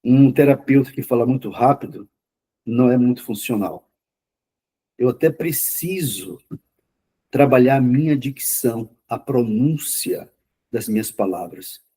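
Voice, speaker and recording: A man giving a classroom lecture on therapy, talking quickly and repeating words for emphasis. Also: mid-range voice, mellow, breathy edge. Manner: says himself he talks fast. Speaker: lecturer on mental health therapy.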